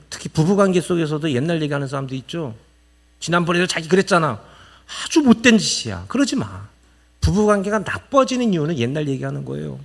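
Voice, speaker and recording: A man's voice: mid-range voice, vocal fry. A man preaching a sermon as pastor, earnest and urging, often acting out the voices of church members. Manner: animated, acts out quoted voices of church members; earnest, explaining and urging the congregation.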